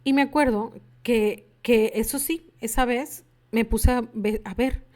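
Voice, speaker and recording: A woman speaks to her audience in a frank, confessional way, sharing her own story. She slips into the voices of remembered conversations as she goes, and her voice sits somewhat higher than most women's. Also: steady tone, a little slow, a little mellow. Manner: confessional, acts out remembered dialogue. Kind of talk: personal testimony to an audience.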